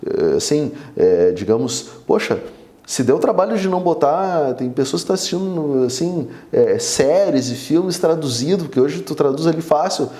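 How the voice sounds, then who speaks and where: A man with a lilt tells stories as an interview guest, his voice dark and mellow. He keeps dropping little tags like "né" and "cara" as he talks. The room gives his voice a noticeable echo. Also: on the high side, moderate pace. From Brazil. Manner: animated storyteller, many fillers like 'né' and 'cara'. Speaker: oral surgeon guest. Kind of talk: casual interview chat. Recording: roomy echo.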